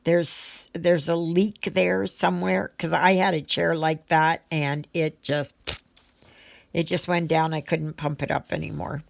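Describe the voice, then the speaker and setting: A Canadian craft vlogger chats casually while stitching, her voice low, very slow, flat, and touched with fry. She is unhurried and halting, pausing and drifting between thoughts as if thinking aloud.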